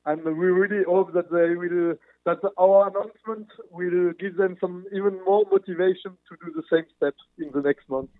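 A man's voice: high-pitched, fairly even intonation, normal speed, few pauses, dry recording. A man, a motorsport manufacturer executive, answering interview questions earnestly over a remote line, restarting phrases as he searches for words. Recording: tinny phone-like remote line.

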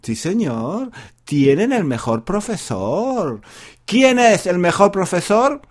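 A man, a university Spanish teacher, talking slowly and repeating each phrase for learners in a playful, joking way. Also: high-pitched, very animated. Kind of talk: slow, repetitive Spanish practice monologue for learners.

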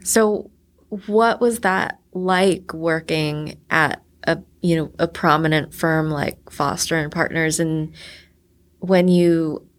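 A woman's voice: low voice, steady tone, takes it slowly. A woman host interviewing a guest, asking long, rambling, curious questions. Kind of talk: conversational interview.

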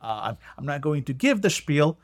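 A man's voice: fairly high pitch, sing-song, normal speed. A man narrating as game master in a casual, hesitant way, with frequent restarts.

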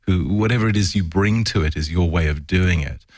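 A man with a very low voice explains his therapy work, pausing and circling back as he searches for words. The sound is dry and close, with no room around it. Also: no room sound. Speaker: trauma therapist. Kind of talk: explaining in an interview.

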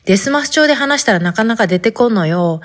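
A woman's voice: fairly high pitch, lively intonation, fast talker. A woman podcast host speaking in Hakata dialect, telling her story in a chatty, informal way. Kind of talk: casual podcast monologue.

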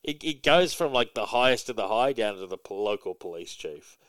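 Animated man chatting casually about comics. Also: fairly low pitch, fairly quick, a little hiss or hum. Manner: animated, swears, many fillers and laughs. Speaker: podcast host.

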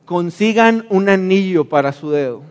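A man's voice: sits high, lively intonation, moderate pace, darkish tone, clear, resonant tone. Man voicing an older father, urgent and commanding, echoing hall. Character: joyful older father giving orders to servants.

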